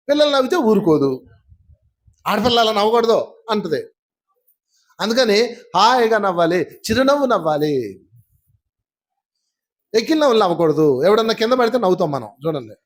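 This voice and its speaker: A man giving a spiritual class, telling stories in a lively way and putting questions to his audience. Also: high voice. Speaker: spiritual teacher.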